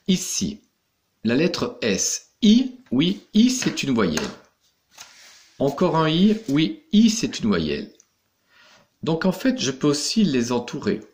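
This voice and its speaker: Slow, patient male schoolteacher. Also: mid-range voice, darkish tone. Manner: slow, patient, spelling out each step. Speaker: primary school teacher. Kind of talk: recorded remote lesson instructions for young pupils.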